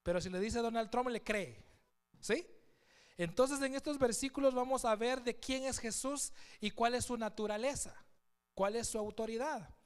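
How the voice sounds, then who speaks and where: A man's voice: extremely high pitch, normal speed, clean tone. A man preaching a sermon in a church, asking the congregation questions and reading scripture aloud. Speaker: pastor.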